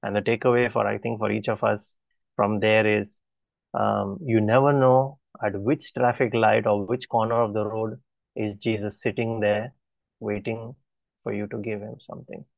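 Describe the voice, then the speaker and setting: A man preaching, telling a personal testimony in an earnest, halting way with frequent restarts. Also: lowish voice, level tone, vocal fry, no room sound, muffled recording.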